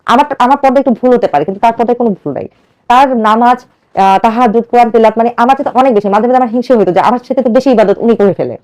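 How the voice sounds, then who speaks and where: A woman from Bangladesh in her thirties tells her own story to a radio host. She talks very fast in a somewhat high voice. She is earnest throughout and acts out the lines of the people she quotes. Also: a little mellow. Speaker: caller telling her life story. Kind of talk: emotional personal storytelling.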